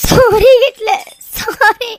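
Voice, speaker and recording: A woman's voice: very high voice, very slow, no echo, studio quality, full character voice. A woman voicing a weepy, apologetic young wife. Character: remorseful young wife, sweet and clinging. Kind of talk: tearful cartoon drama voice acting.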